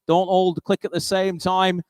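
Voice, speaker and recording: Calling bids in a live auction, this British man repeats the figures in a practised patter, flat in delivery and measured in pace. He has a clear, smooth voice that sits slightly high for a man. The sound is dry and close-miked, free of room echo.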